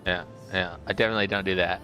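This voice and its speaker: A man's voice: low voice, fairly even intonation, rapid-fire, pushed and bright, faint music behind, low-quality recording. A middle-aged man hosting a casual gaming livestream, rambling and chuckling as he tells stories. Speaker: livestream host.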